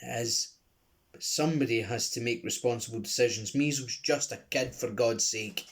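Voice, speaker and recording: A man's voice: mid-range voice, normal speed, lightly acted. A man voicing a stern, protective grown man who speaks curtly and firmly. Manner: curt and firm.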